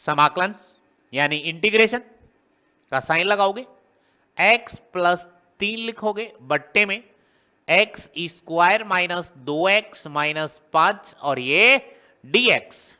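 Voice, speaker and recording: High bright-voiced maths teacher quizzing students. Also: male voice, slow, pauses often, clear, resonant tone. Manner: explains step by step, often quizzing students with rhetorical questions. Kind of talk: blackboard maths lesson.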